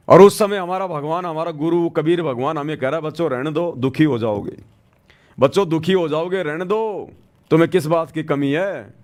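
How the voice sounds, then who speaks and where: A man preaching a devotional sermon to brothers and sisters in an earnest tone, now and then acting out the people he quotes. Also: on the high side.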